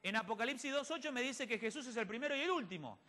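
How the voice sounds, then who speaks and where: Brief: male church speaker, bright, animated delivery, rhetorical questions. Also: very high-pitched, quick pace. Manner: asks the audience rhetorical questions and answers them; quotes others in conversation. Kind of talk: sermon-style Bible teaching to a congregation.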